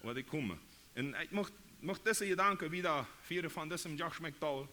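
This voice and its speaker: A man from Paraguay with a Mennonite Low German accent, preaching a sermon in halting, repetitive phrases. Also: lively intonation, bright, forceful tone.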